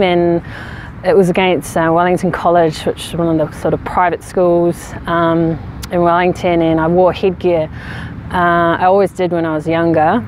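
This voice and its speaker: A woman in her thirties from New Zealand, a rugby player answering interview questions outdoors in a frank, relaxed way with many fillers. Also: lowish voice, a little hiss or hum. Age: 30s. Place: outdoors on a sports field. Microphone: camera at medium distance.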